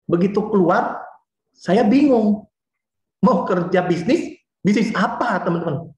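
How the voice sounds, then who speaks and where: A man in his forties from Indonesia giving a lively, chatty motivational talk and speaking straight to his listeners. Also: high voice, a little slow, reverberant. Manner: lively and chatty, often addresses the listeners directly.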